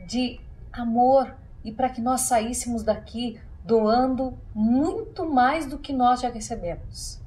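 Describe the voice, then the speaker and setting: A woman's voice: on the high side, darkish tone, a little hiss or hum, low-quality recording. A woman hosts a TV interview in a studio. Her manner is earnest and effusive, full of thanks as she wraps up the show. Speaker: TV show host. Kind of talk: closing a televised interview.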